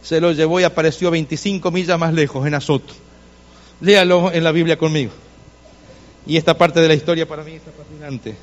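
Male pastor, high-voiced, storytelling sermon, insistent repetition, echoing church. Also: fairly even intonation, a little fast, dull audio. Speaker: Adventist pastor.

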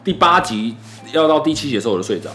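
A man's voice: medium pitch, lively intonation, very fast, bright, forceful tone, soft background music. A young man with a Taiwanese Mandarin accent chatting casually as a podcast guest, playful and talkative, often repeating himself. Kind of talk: casual chat.

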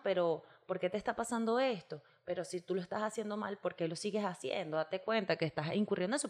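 A quick, outspoken Venezuelan woman chatting on a podcast, full of slang and short acted-out dialogues. She talks at a brisk clip in a mid-range voice. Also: medium pitch. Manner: blunt, slangy, acts out little dialogues. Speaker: podcast co-host. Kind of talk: casual chat.

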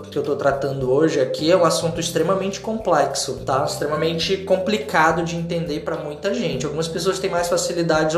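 A man teaching a casual spoken lesson on a podcast, chatty and full of tag questions, slowing right down to model example phrases. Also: a little high. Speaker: English teacher. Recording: roomy echo with faint music.

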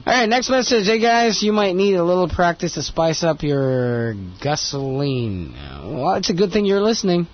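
A man's voice: high voice, very animated, moderate pace, hardly any pauses. A man hosting a casual chat show, reading listener messages and laughing often. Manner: chatty, laughs often, switches into Cebuano phrases. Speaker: radio show host reading listener texts. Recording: dull lo-fi audio with faint noise.

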